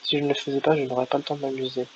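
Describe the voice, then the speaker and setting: A man's voice: mid-range voice, little pitch movement, very fast, natural voice. A man voicing a battle-hungry, mocking warrior captain, reading game dialogue aloud with a taunting edge, on a lo-fi recording. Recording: lo-fi with faint hiss.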